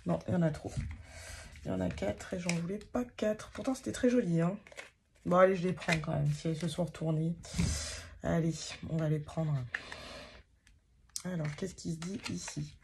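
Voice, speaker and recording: A woman's voice: lowish voice, fairly even intonation, moderate pace, gravelly, pauses often, background noise. A woman giving a casual tarot card reading to her viewers, talking hesitantly with many fillers and restarts and poking fun at herself.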